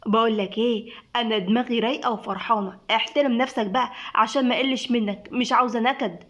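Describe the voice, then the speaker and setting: A woman's voice: a little high, steady tone, highs cut off, close to an everyday voice. A woman voicing a cheeky young woman who fires back mocking retorts, with an Egyptian accent. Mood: sassy. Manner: mocking, quick comebacks.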